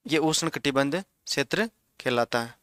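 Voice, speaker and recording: A man's voice: mid-range voice, moderate pace, fairly bright tone, dry recording, clean studio sound. A man teaching geography, asking the class questions and repeating the answers in a classroom lecture.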